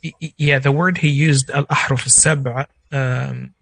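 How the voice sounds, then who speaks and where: Arabic-native male guest; husky, gravelly, dry sound; patient, example-driven explanations. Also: mid-range voice, steady tone, moderate pace, fairly bright tone, dry recording, low-quality recording. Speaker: guest speaker. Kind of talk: explanatory discussion.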